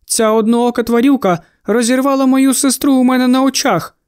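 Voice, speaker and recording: A man's voice: extremely high pitch, fairly even intonation, brisk, clean tone, dry recording, studio quality. A man voicing a grieving young man in an audiobook, blunt and stubborn. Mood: bitter. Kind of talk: audiobook character voice.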